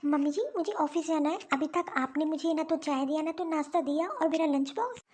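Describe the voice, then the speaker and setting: A woman's voice: sits high, fairly quick, darkish tone, natural voice. A woman voicing a rude, bossy young working daughter-in-law in a cartoon story. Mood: scolding. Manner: scolding, bossy, dismissive. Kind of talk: Hindi cartoon dialogue.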